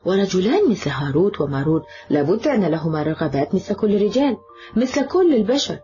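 A woman's voice: mid-range voice, sing-song, quick pace, warm tone, natural voice. A woman voicing a proud, seductive cursed woman in an audiobook drama, speaking haughtily. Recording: dull lo-fi audio with background music.

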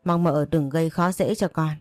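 A woman's voice: low voice, steady tone, normal speed, a little mellow, no echo, close to an everyday voice. A woman voicing a brash young female servant in a read-aloud story, whiny and insolent.

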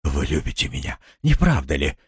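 A man voicing a commanding wealthy gentleman who speaks softly, slowly and insistently to a woman. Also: a bass voice, wildly swooping pitch, slightly rough, dry recording, clean studio sound, pitched below the performer's own voice, full character voice. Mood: coaxing. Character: commanding wealthy older man, tenderly coaxing.

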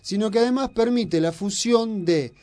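A man with an Argentine Spanish accent hosts a radio show, teasing his co-host and lecturing at length on politics in argumentative, provocative, opinionated banter. His voice is high-pitched and a little mellow, delivered at a normal speed.

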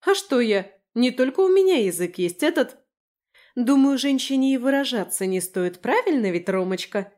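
A woman's voice: high voice, sing-song, moderate pace, hardly any pauses, a little mellow, voice pushed up. A woman voicing a brash, sarcastic, chatty young woman in an audiobook, teasing and mocking. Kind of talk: audiobook character voice.

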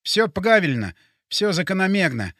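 A man voicing a dying young man who speaks slowly and faintly, turning his r sounds into g sounds. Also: sits high, very animated, a bit bright, no room sound, clean studio sound. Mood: resigned. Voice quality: burred r sounds, r spoken like g. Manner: slow, faint, halting speech. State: dying, barely audible. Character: dying young man, weak, gentle, resigned.

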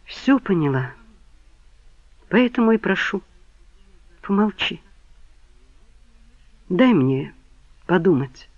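A male audiobook reader voicing a tired, ironic young woman who answers calmly. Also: high voice, slow pace, pauses often, dry recording, highs cut off, voice pushed up, heavily acted. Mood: weary. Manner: tired, calm, ironic delivery. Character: weary, ironic young woman, calm and guarded.

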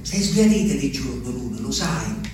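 A stage actor with a natural, medium-pitched voice speaks in a sing-song way at normal speed. Playing a lonely old peasant man, he rambles and muses wistfully to the moon in a theatrical monologue, heard through a distant stage recording with reverb and faint noise.

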